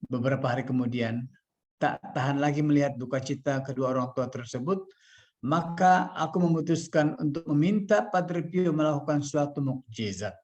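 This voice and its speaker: A man's voice: a little high, normal speed, a little mellow. Man from Malaysia, dull lo-fi audio. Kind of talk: devotional talk and reading a story aloud.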